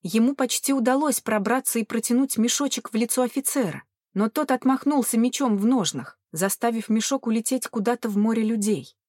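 Woman reading a story aloud, fairly high voice, super dry close mic. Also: a little fast, hardly any pauses, darkish tone, no room sound. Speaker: audiobook narrator. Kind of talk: scripted narration.

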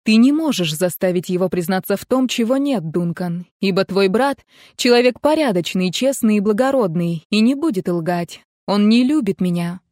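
A woman's voice: mid-range voice, expressive, dark tone, no echo, clean studio sound, close to an everyday voice. Woman reading a proud, defiant noblewoman. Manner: cold, cutting, measured. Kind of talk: audiobook character reading.

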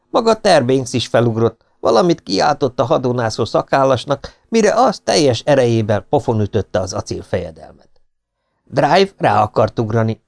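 Male narrator, animated, dry close sound, audiobook reading. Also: mid-range voice, vocal fry, dry recording.

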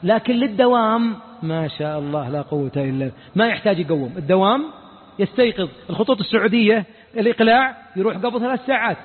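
A Saudi sheikh with a strikingly high, husky voice delivers an informal mosque lesson. He fires rhetorical questions and mimics the people he quotes. The sound is thin and phone-like, with a long hall reverb trailing each phrase. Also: animated, quick pace. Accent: Saudi Arabic. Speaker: sheikh giving a religious lesson.

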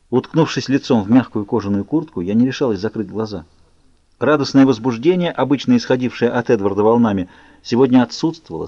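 A man reading a novel aloud as scripted narration, steady and even. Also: medium pitch, no room sound. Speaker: audiobook reader. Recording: muffled lo-fi recording.

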